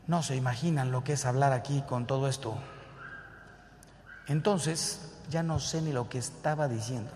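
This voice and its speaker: A priest gives a sermon-style talk to a live audience, firing rhetorical questions and acting out both sides of everyday dialogues. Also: male voice, mid-range voice, moderate pace, darkish tone, slight background noise. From Mexico. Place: large hall with an audience. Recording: reverberant hall.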